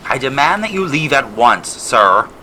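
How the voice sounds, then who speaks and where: A man voicing a pompous, indignant middle-aged uncle, loud and demanding, in an audio drama. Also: mid-range voice, big pitch swings, a little slow, slight background noise, pitched above the performer's own voice, rough recording. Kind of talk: audio drama character acting.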